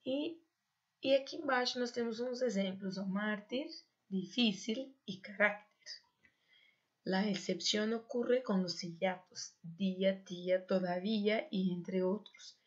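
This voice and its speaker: A Brazilian woman teacher walks students through grammar rules. She repeats key points and checks understanding with quick tag questions. Her voice sits at an ordinary pitch, and the recording sounds muffled and lo-fi. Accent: Brazilian Portuguese. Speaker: Spanish teacher. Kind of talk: online class lecture.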